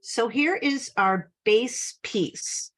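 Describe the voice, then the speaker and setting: A woman's voice: a little high, extremely slow, fairly bright tone. A woman giving a casual, chatty scrapbooking tutorial, upbeat and full of little laughs. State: slight cough. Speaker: scrapbooking instructor.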